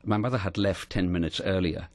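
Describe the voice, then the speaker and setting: Deep-voiced earnest male interviewee. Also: a little mellow, no echo. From Scotland. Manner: measured, earnest storyteller. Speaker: interview guest. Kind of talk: reflective storytelling in an interview.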